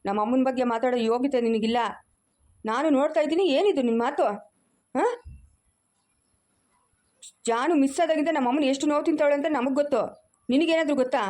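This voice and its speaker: A woman's voice: sits high, brisk, pauses often, darkish tone, lightly acted. A woman playing an angry son defending his mother. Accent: Chikkaballapur Kannada. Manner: threatening, harsh.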